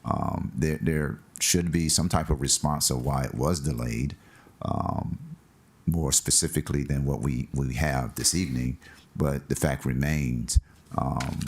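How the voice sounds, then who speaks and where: A man speaks at a town commission meeting with a very deep voice. It is gravelly and slightly husky. He picks formal words and hedges with frequent fillers. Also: fairly even intonation, measured pace. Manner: hesitant, many fillers, formal wording. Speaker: town official addressing the commission.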